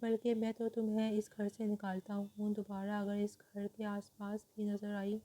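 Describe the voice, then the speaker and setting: Woman doing domineering young lord, threatening, harsh, flat delivery, mellow dark tone. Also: medium pitch, natural voice, rough recording. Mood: scornful. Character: cruel domineering young man, feudal lord.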